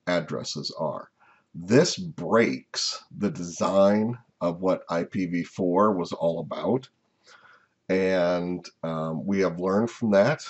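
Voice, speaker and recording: A man with a deep voice talks through lecture slides at an easy, explanatory pace, stopping often on "uh" and "um". His tone is a little husky. The recording sounds dull and muffled. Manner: unhurried, explanatory, frequent "uh" and "um" fillers. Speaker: instructor.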